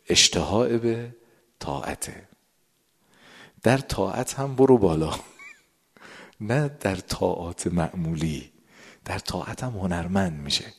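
A man's voice: sits low, creaky, husky. A man giving a sermon to a gathered audience, explaining a prayer text, stretching his words and sometimes dropping to a whisper. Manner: drawn-out words, sudden drops to a whisper. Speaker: religious lecturer.

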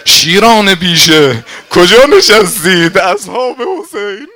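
A preacher voicing a rallying old warrior. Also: male voice, high-pitched, expressive, voice pushed up. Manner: shouting rally cry.

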